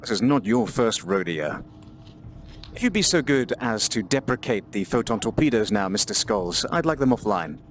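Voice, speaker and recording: A man's voice: on the low side, big pitch swings, moderate pace. A man playing a pompous starship captain in comedic in-character gameplay, with theatrical diction. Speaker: player voicing a starship captain.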